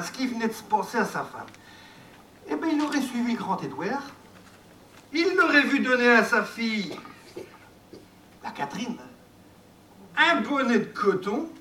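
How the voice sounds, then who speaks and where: Man, storyteller, rustic folk tale, homely asides, high bright voice, echoey room, far from the mic. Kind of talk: oral folk tale telling. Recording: echoey, from far off, faint noise.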